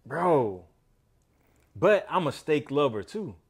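A man's voice: a little high, slow pace, breathy edge. Laid-back man chatting with "bro". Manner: relaxed, slangy, says "bro" a lot. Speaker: podcast co-host. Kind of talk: casual chat.

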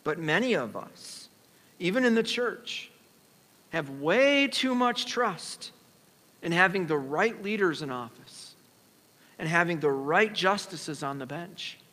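A man preaching a sermon as pastor, earnest and measured, pausing and restarting as he explains scripture. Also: fairly high pitch, animated, sharp tone. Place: church sanctuary. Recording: long church reverb.

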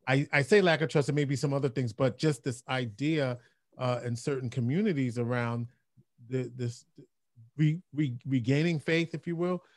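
A middle-aged man moderating a panel on a video call, speaking in a measured, thoughtful way with some restarts, using a headset mic. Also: mid-range voice, no echo, clean studio sound. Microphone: headset with boom mic on a video call.

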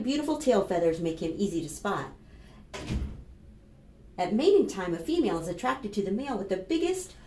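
An American children's librarian in her fifties, with a medium-pitched voice, reads aloud and shares rhymes at a preschool storytime. She is expressive and instructive, putting questions to the little ones. Her small, plain indoor room sounds echoey, and background noise is clearly audible.

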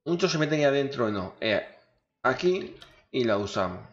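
A man's voice: medium pitch, very animated, moderate pace. A man with an accent from Spain giving casual, coarse, informal gameplay commentary, muttering to himself as he goes. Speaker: gaming video host. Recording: echoey, dull microphone, faint music. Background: faint game music.

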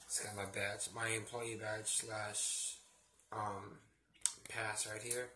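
Low-ish and flat, his delivery is slow as the young vlogger rambles hesitantly in a subdued manner. He works on a theme park ride and is feeling poorly, with a sore throat and a cold sore on his lip, chatting casually in a small bedroom. Faint noise marks the handheld recording, done on a phone or laptop at arm's length.

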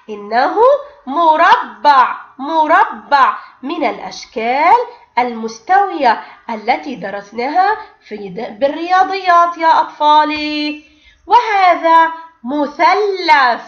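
A woman teaching kindergarten children in an online lesson, sounding out letters slowly. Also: sits high, a bit bright. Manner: slow, drawn-out sounding of letters, sing-song praise. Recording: dull, echoey room.

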